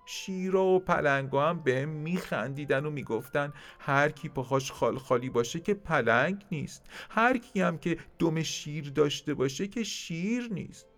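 A man's voice: fairly high pitch, fairly bright tone, soft background music, pitched above the performer's own voice. A man voicing a shy, lonely storybook creature. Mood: sad. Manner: timid, plaintive. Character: lonely strange horse-leopard creature, shy and sad.

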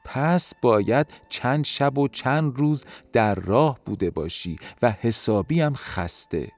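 A man voicing an eager, impatient young snail who gets excited and quickly frustrated. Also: mid-range voice, dry recording, soft background music, voice pushed up, lightly acted. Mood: curious. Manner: excitable, quick to get cross.

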